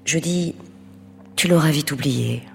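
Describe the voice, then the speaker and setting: A woman's voice: low voice, unhurried, vocal fry, in a large hall. An actress playing a guarded married woman who speaks in a controlled, reserved way, in a stage play. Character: guarded married woman, cool and self-protective.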